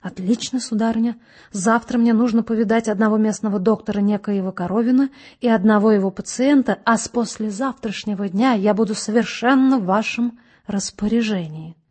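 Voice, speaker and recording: A woman reading an audiobook, voicing an excitable, gallant middle-aged police colonel who speaks fervently. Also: medium pitch, brisk, slightly rough, close to an everyday voice. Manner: fervent, exclaiming.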